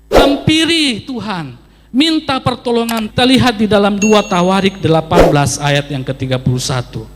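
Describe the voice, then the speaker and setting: A man's voice: sits high, lively intonation, normal speed, in a large hall, very noisy. A man pastor preaching a sermon emphatically, with sweeping rises and drops and repeated phrases for emphasis.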